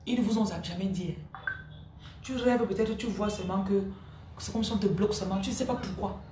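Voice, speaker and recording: A woman spiritual coach preaches in a live stream, hammering home key phrases and greeting viewers by name. Her voice is mellow and dark, and it carries a roomy echo with a faint hiss underneath. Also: medium pitch, brisk. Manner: emphatic, repeats key phrases; answers viewer comments by name.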